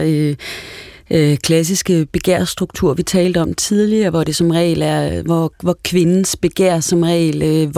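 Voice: medium pitch, dark tone, no room sound, studio quality. A translator discussing a novel, thoughtful, often repeating words while finding the thought. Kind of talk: casual literary conversation.

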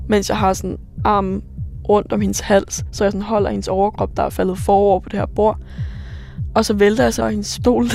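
Brief: woman, 20s, personal radio story, halting and full of fillers, faint music underneath. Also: medium pitch, vocal fry, a little mellow. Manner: halting, many fillers, vivid recollection. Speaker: bar worker recounting rescues.

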